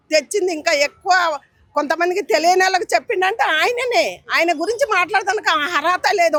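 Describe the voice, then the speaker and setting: A woman gives a plain, earnest opinion in a street interview. Her voice is high. The sound is dry and close. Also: a bit bright, dry recording. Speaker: member of the public interviewed.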